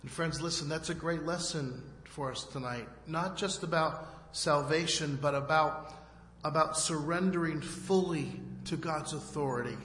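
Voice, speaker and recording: A man preaching a sermon in short phrases, pausing so an interpreter can translate. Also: on the high side, a bit bright, a little hiss or hum. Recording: echoey hall with long reverb.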